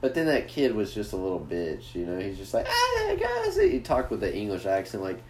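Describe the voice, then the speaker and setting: In an echoey room with faint noise, a man hosts a casual podcast, speaking briskly in an expressive, low-sitting, darkish voice. He rambles crudely and swears heavily.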